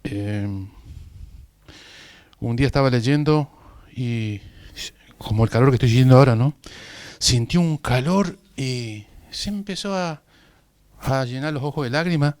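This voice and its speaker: A man's voice: medium pitch, unhurried, long pauses, no room sound. A man from northern Argentina with an Argentine accent, giving a personal testimony in a church sermon. He tells his story vividly, acts out both sides of the conversations and often chuckles at himself. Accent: Argentine Spanish. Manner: lively storytelling, acting out both sides of dialogues.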